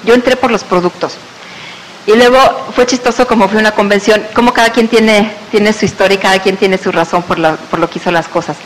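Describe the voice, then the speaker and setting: A woman's voice: medium pitch, a little fast. A woman with a Mexican Spanish accent telling a personal business testimony, acting out the voices of the people in her story. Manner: lively storyteller who acts out quoted voices. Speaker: speaker sharing a business testimony. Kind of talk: personal testimony told to an audience. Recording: reverberant hall with faint hiss.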